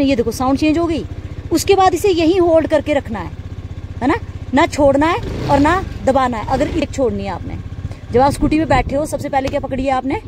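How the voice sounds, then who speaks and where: High-voiced woman coaching a scooter rider. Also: darkish tone, a little hiss or hum. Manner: encouraging, coaxing, repeats cues like "shabash". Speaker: scooter driving instructor. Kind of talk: hands-on instruction. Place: outdoors on a hilly slope.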